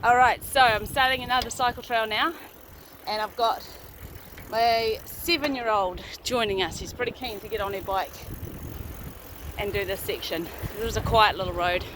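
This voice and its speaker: A woman's voice: medium pitch, steady tone, normal speed, a bit bright, a little hiss or hum, rough recording. A woman in her thirties with a New Zealand accent, narrating a casual travel vlog outdoors while cycling, chatty and upbeat. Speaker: vlogger, mother on a family bike trip. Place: outdoors on country roads and trails.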